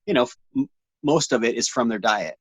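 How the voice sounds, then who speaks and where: A man in his forties telling his story as an interview guest, animated and slangy, rambling with lots of restarts. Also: medium pitch, fairly quick, slightly rough, no echo. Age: 40s.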